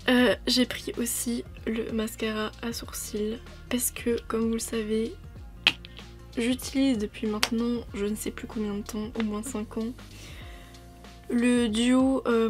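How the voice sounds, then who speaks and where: Woman, fairly high voice, casual rambling vlog chat, faint music underneath. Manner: chatty, rambling, with frequent fillers. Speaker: beauty vlogger. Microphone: new proper microphone.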